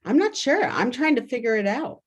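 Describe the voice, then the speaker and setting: A woman facilitating a workshop over a video call, energetic, often checking in with "right?". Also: on the high side, a little fast. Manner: energetic, frequently asks "right?".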